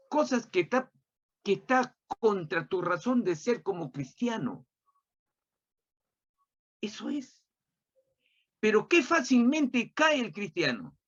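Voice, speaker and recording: A man preaching a sermon with a personal story, animated and repeating rhetorical questions. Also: very high voice, dull audio.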